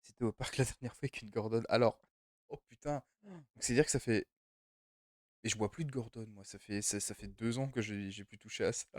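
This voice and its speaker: A man's voice: on the low side, fairly quick, no room sound, clean studio sound. A young man streaming a game from home, chatting loosely and rambling as he answers his chat. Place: home room.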